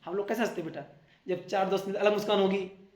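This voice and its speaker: Animated high-voiced male teacher. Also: fast. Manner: animated, explains with everyday examples and acted-out asides. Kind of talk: classroom lecture. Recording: echoey classroom.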